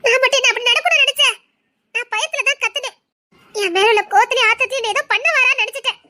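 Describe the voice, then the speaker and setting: A woman's voice: very high voice, fast talker, sharp tone, dry recording, studio quality. A woman acting a grieving, wronged young woman, speaking with a Tirunelveli Tamil accent in a trembling, tearful voice. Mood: defensive.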